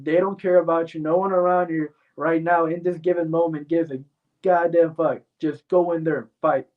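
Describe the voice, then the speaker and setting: Blunt fighter on a tinny far line. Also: male voice, fairly high pitch, steady tone, moderate pace. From Mexico. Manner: blunt, confident, hesitant fillers. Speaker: MMA fighter guest. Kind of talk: casual interview answers. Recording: tinny phone-like sound from far off.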